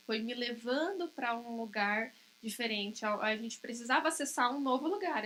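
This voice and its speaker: Woman, thirties, high voice, church talk, family anecdotes, faint hum. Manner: tells homely anecdotes, acting out dialogue softly. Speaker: pastor's wife preaching. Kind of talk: sermon with personal story.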